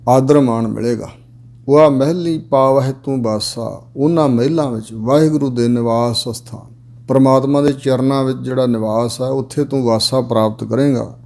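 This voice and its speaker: A man preaching in a mellow, dark voice at a middle pitch. He chants each scripture line slowly and then explains it in a steady, plain way. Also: creaky. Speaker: Sikh preacher giving scripture commentary. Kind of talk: sermon with recited verses.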